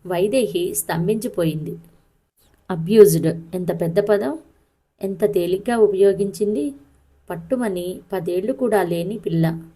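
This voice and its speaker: A woman reading a family story aloud, in a steady, emotional read-aloud delivery. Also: mid-range voice, measured pace, breathy edge. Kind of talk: scripted story narration.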